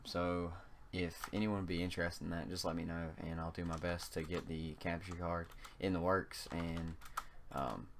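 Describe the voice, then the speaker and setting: A young gaming channel host from North Carolina, with a slight Southern accent from the state, comments casually on his gameplay. His voice is low and level, and his speech halts often with "um" and "uh." The background is noisy.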